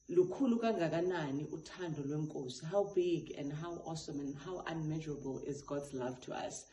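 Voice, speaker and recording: A man's voice: on the high side, a little mellow. A South African gospel artist, a man, talking earnestly with many restarts and asides. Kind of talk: reflective talk to camera. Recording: echoey room with faint noise.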